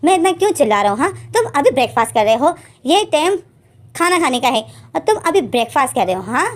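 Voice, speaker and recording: A woman's voice: sits high, very animated, fast talker. A woman voicing a jealous young man who complains he is not the favourite, in a story reading. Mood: indignant. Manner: complaining, indignant. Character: young man, sulky, jealous, bossy about the office.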